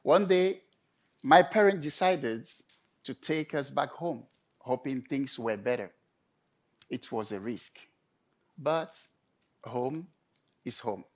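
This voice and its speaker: A man delivering a prepared storytelling talk in measured, emphatic short phrases with pauses. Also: medium pitch. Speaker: conference speaker.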